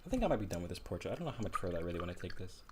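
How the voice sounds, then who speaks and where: A man with a very low voice talks loosely to his live audience as he paints, thinking out loud and poking fun at himself. A faint hiss of background noise sits under his voice. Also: sing-song, very fast. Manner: rambling, musing aloud, self-deprecating. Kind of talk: casual livestream chat while painting.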